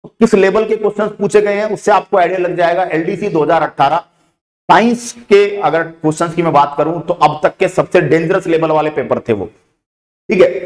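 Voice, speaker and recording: A male exam prep teacher with a Rajasthani Hindi accent talks through a syllabus in a slightly high voice. He moves quickly from item to item with casual fillers and calls his students "beta". The room around him echoes. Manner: brisk listing of topics with frequent "theek hai" fillers; addresses students familiarly as "beta". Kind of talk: online exam coaching lecture.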